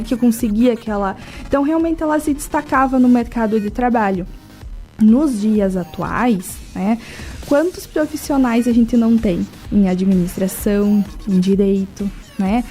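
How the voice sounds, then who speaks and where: Her voice is on the high side and warm. She is a guest from a language school on a radio interview, speaking with a southern Brazilian accent. She explains things in a teacherly way, often posing rhetorical questions and adding check tags.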